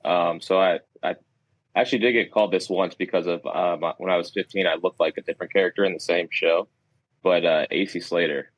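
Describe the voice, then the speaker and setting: Deep-voiced male podcast guest. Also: steady tone, a little fast, no room sound, highs cut off. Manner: chatty storyteller, lots of fillers. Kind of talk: casual chat.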